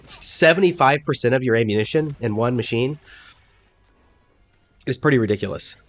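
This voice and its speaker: A man narrating gameplay commentary over footage, his voice a bit congested from a cold. He explains each move in an upbeat way, jumping up in pitch when something excites him. The sound is dry and close, with his pitch sitting in an ordinary middle range. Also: moderate pace, no room sound, faint music behind.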